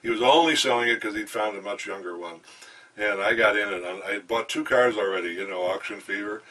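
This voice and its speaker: Older man, meandering enthusiastic storyteller, forceful voice, distant mic in a hotel room. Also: lowish voice, fairly quick. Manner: enthusiastic, meandering, many fillers. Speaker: interviewee. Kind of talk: rambling anecdotal storytelling. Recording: distant mic, faint background noise.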